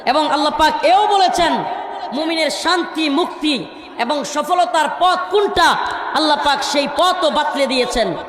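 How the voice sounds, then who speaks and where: High-voiced preacher scolding a noisy crowd. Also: male voice. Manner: pleading and scolding the crowd to keep quiet; slow chanted scripture recitation. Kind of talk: sermon at a crowded religious gathering. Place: crowded stage at a large outdoor gathering. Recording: echoing reverb over a murmuring crowd.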